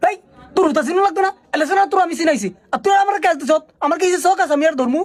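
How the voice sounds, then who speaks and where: A man's voice: very high-pitched, very fast. A man playing an exasperated master tailor who scolds and orders in a comedy skit, with a regional southeastern Bangladeshi accent. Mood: bossy. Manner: scolding, commanding.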